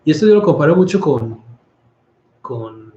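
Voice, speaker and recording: Colombian priest giving a roomy, conversational talk. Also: male voice, fairly high pitch, expressive, normal speed, warm tone. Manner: conversational, stumbles and restarts words. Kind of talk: informal scripture talk. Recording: roomy, slightly dull recording.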